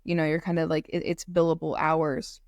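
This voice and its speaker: A twenty-year-old law student from North Carolina, USA, joins a podcast remotely as a guest over her computer mic. Her low voice is flat and fairly quick, with no echo and clean studio sound, as she rambles casually with lots of "like."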